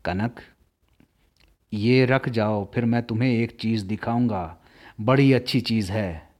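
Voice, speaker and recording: A man voicing a poor, gentle old toymaker who speaks quietly and sadly in a storybook reading. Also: mid-range voice, lively intonation, voice pushed down, close to an everyday voice. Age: older. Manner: quiet, soft and slow.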